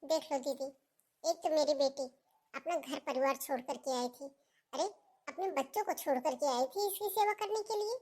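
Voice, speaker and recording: A bossy mother-in-law from a family melodrama, acted by a woman in a high, piercing voice. She scolds and mocks without letting up. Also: moderate pace, darkish tone. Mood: accusing. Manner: shrill, taunting, scolding. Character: scolding middle-aged mother-in-law, harsh and domineering.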